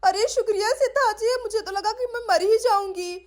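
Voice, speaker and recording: A woman doing a whiny, flustered young woman. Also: a little fast. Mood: relieved. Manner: whiny, pleading, high voice. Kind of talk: doll-play storytelling.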